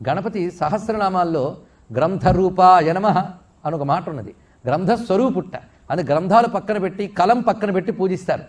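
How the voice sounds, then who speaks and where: A middle-aged man giving a religious discourse, explaining through questions he answers himself and slowly chanting Sanskrit verses. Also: sits high, lively intonation. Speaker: spiritual discourse speaker.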